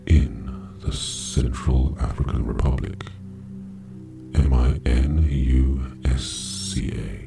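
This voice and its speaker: A man with an extremely deep, gravelly voice reads a scripted narration very slowly, in an even and measured way. He sounds distant and echoey, with music and a singing bowl playing clearly behind him. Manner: measured, even reading with long pauses. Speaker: meditation narrator.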